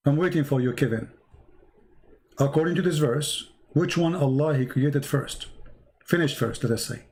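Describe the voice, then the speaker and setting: A man's voice: fairly high pitch, normal speed, darkish tone. A man, not an English speaker and losing his voice, hosts a live debate, reading out verses and pressing a caller with repeated questions. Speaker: debate host.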